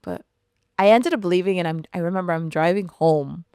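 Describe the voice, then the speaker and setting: Woman sharing her testimony, low-ish smooth voice, earnest storytelling, dry sound. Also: fairly quick, dark tone, no room sound. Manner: earnest, storytelling, often says "like". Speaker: podcast guest sharing testimony. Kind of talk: emotional personal testimony.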